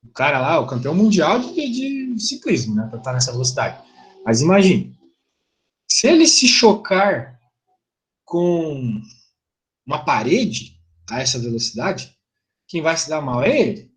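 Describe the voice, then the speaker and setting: A man's voice: fairly high pitch, very animated, a little slow, pauses often. A middle-aged Brazilian man teaching an online physics class, chatty, asking his students rhetorical questions.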